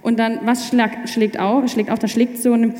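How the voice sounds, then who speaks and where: Young woman guest, animated testimony, highish voice, roomy echo. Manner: animated, talks in quick restarts. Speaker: guest sharing her faith story. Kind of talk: personal testimony in casual chat. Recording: echoey room with long reverb.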